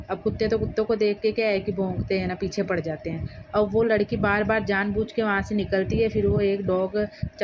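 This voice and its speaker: A middle-aged woman from Gujarat telling a personal story in a casual vlog, speaking slowly and earnestly and acting out both sides of a dispute. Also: medium pitch. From Gujarat, India. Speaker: vlogger. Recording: muffled lo-fi with clear background noise.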